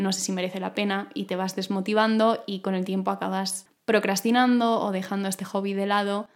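Woman with a throaty guttural R. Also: medium pitch. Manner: informal, explanatory, addresses listener directly. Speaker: podcast host. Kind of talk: conversational self-improvement monologue.

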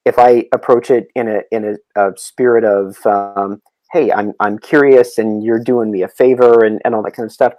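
A man who is a guest on a podcast, telling travel stories in a halting way with many restarts. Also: lowish voice, fairly even intonation, a little mellow, dry recording, rough recording. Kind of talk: casual podcast interview.

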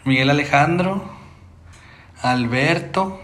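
A man's voice: fairly high pitch, takes it slowly, fairly bright tone, echoey room. A man with a Mexican Spanish accent co-hosting a podcast, bantering in casual chat, tossing out names and asking follow-up questions. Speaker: podcast co-host.

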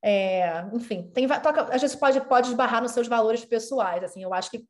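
A woman's voice: fairly high pitch, moderate pace, a little mellow. A woman psychologist hosting a podcast, talking with hesitations and restarts. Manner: hesitant, many fillers and restarts. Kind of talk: podcast conversation.

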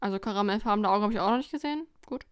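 A woman's voice: mid-range voice, very fast, smooth. A young woman co-hosting a casual podcast chat, reading quiz questions aloud with a wry, teasing manner. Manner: wry, teasing, breaks into laughter. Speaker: podcast co-host.

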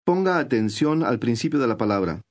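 A man reading scripted instructions for a language course, clear and measured. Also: medium pitch, animated.

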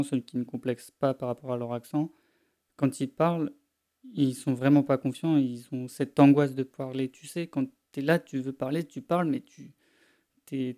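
A man's voice: mid-range voice, warm tone. A young man from France hosting a casual solo language-learning podcast, speaking informally to the listener with frequent restarts and fillers.

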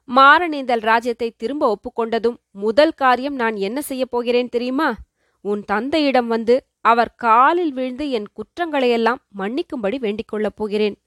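A woman voicing a young male prince who speaks gently and firmly to his beloved, in a storybook reading. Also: a little high, dry recording, clean studio sound, lightly acted. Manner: gentle, reassuring.

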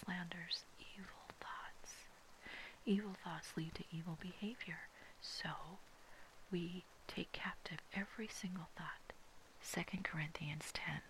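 A person from Hawaii giving a slow, reverent, fully whispered commentary on Bible passages. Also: medium pitch, sharp tone, a little hiss or hum, rough recording. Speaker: devotional Bible reader.

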